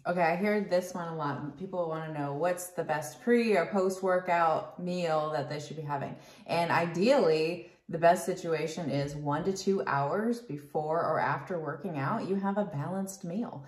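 Low-voiced woman coach, echoey room. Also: normal speed, hardly any pauses. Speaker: fitness and nutrition coach co-host. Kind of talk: casual Q&A chat. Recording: roomy echo.

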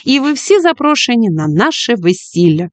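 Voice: medium pitch, very animated, moderate pace, no echo, voice pushed up, lightly acted. A reader doing a friendly male teacher from a storybook, upbeat and announcing, clean dry sound with no room around it. he talks like he's sharing good news with the class. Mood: cheerful.

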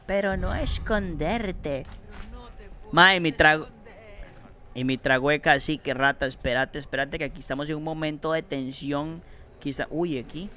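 A young man giving excitable, swear-filled commentary while streaming a game, yelling when scared. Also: a little high, normal speed. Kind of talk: let's play commentary.

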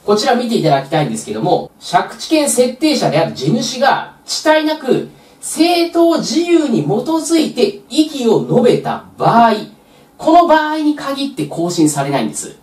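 A woman's voice: fairly high pitch, very animated, moderate pace, a little mellow. A woman tutor giving a patient, step-by-step explanatory lecture for a real estate exam. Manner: patient, step-by-step, frequent filler "まあ". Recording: roomy echo, distant mic.

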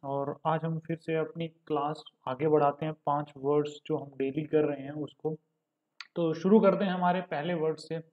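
A man teaching English vocabulary with memory tricks, explaining step by step and slowly repeating key words. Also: fairly high pitch, steady tone, roomy sound, phone-quality sound.

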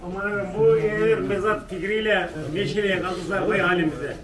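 A man's voice: high voice, steady tone, fairly quick. A man chatting and bantering casually. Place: indoor fish auction room. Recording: echoey room, distant mic, chatter behind.

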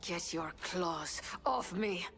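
A woman's voice: lowish voice, expressive, slow. A woman playing a haughty, defiant fighter in a video game, with cutting, disdainful delivery. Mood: scornful. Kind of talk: video game character acting. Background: music.

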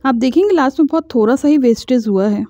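A woman, the host of a cooking channel, calmly explaining each step of a recipe in a home-kitchen voice-over. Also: sits high, quick pace, no echo, studio quality. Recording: dull lo-fi voice-over.

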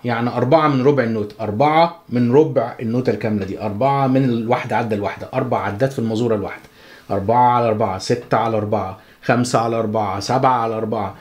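A man with an Egyptian Arabic accent giving a chatty, joking guitar lesson, counting the beats out loud. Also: medium pitch. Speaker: guitar teacher. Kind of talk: casual spoken music lesson.

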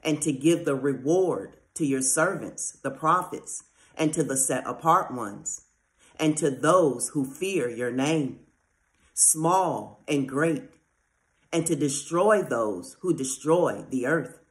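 A reader giving a measured, solemn scripture reading with a deliberate delivery. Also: mid-range voice, expressive.

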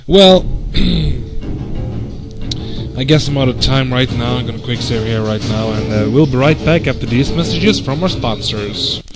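A man casually commentating a video game as he plays, rambling with halting fillers and swearing at the game. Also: mid-range voice, lively intonation. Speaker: gameplay commentator. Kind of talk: casual let's-play commentary. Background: loud game music.

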